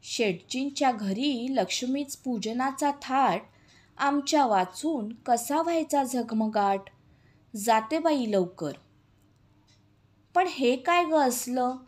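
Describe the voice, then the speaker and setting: A woman reading a children's poem, voicing a proud, showy female candle who boasts and scoffs in a storybook voice. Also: high voice.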